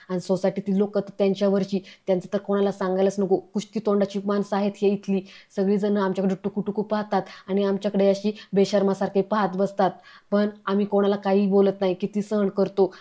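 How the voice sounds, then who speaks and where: Lady doing a sly whiny auntie from the village, fake-teary, flat mellow voice. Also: mid-range voice, natural voice. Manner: whiny, fake-tearful pleading. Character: scheming middle-aged village aunt, crafty, complaining.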